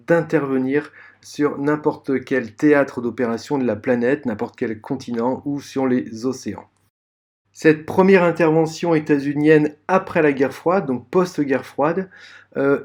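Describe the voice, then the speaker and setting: A man's voice: medium pitch, darkish tone. A man teaching a recorded history lesson to his students, explaining step by step with many fillers and restarts. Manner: explanatory, addresses students directly.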